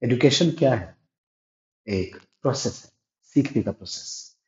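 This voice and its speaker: Expressive and unhurried, a man with a medium-pitched, darkish voice teaches English grammar as in a classroom. He lays things out step by step, asking and answering his own questions, and the recording is echoey, dull, and lo-fi.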